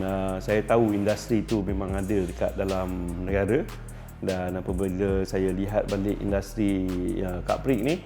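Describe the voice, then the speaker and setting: This racing team principal, a middle-aged man from Malaysia, has a warm, mellow voice on the lower side. Relaxed and reflective, he works through interview answers with fillers and restarted sentences, faint music underneath.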